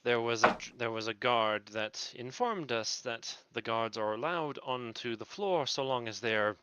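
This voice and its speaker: A man playing in a tabletop game, who lays out plans in a measured way. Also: mid-range voice, pushed and bright, highs cut off, slight background noise. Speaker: player. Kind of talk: tabletop role-play chat.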